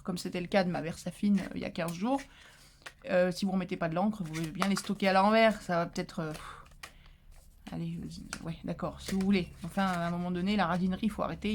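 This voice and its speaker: Chatty woman vlogger, lively asides. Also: mid-range voice. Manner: lively, talkative, many fillers and restarts; playful indignant asides. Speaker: crafting vlogger. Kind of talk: casual chatty vlog.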